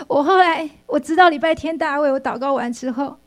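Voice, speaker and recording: A middle-aged woman with a high voice gives a personal faith testimony at church, speaking briskly, earnestly and emotionally, and often restarting her sentences.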